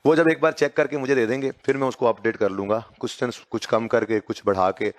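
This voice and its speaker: A man with a Pakistani Urdu accent teaching accounting in a classroom, dictating notes slowly and urging his students to hurry. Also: mid-range voice, fairly even intonation, dry recording. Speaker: accounting lecturer. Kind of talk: classroom lecture.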